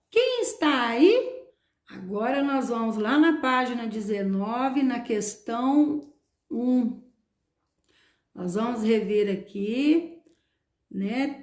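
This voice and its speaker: A woman teacher with a Brazilian Portuguese accent, explaining a school exercise slowly and patiently to young children. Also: high-pitched, a little mellow, reverberant. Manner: slow, explanatory, addressing children. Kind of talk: online classroom lesson.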